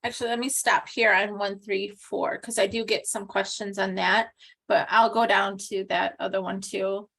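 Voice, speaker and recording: A woman's voice: mid-range voice, level tone, normal speed, vocal fry, a bit bright. A woman teaching an online class, explaining step by step with frequent ums and restarts over a video call. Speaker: instructor. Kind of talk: recorded online class walkthrough.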